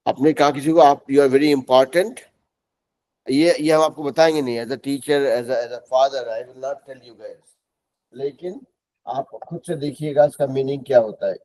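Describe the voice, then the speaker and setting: A middle-aged man from Bihar teaching English pronunciation in a classroom, spelling words out letter by letter and repeating them slowly. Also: mid-range voice, warm tone. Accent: Bihari Hindi. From Bihar, India.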